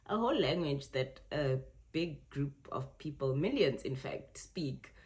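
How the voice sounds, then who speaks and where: Brief: young South African woman vlogger, South African accent, low voice, chatty reaction talk. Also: expressive, a little slow, darkish tone. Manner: chatty, self-correcting, laughs often. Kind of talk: casual reaction commentary.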